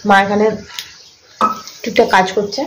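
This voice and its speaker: A woman's voice: medium pitch, steady tone, normal speed, noisy background. Chatty young woman vlogging at home. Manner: chatty, speaks softly so sleeping babies stay asleep. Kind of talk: casual home vlog. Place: home, indoors.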